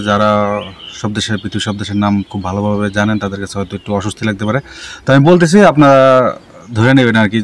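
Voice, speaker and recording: A man giving casual visa information, rambling and self-correcting as he reels off long lists of country names. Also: mid-range voice. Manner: hesitant and self-correcting, with many fillers. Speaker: travel and visa info vlogger.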